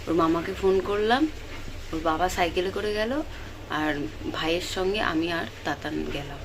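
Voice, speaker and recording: Tired Bengali mother vlogging softly. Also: fairly low pitch, moderate pace, background noise. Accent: Kolkata Bengali. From West Bengal, India. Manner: talks softly, repeats herself, asks "ঠিক আছে?". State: tired from no sleep. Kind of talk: casual vlog chat to viewers. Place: home, kitchen and bedroom.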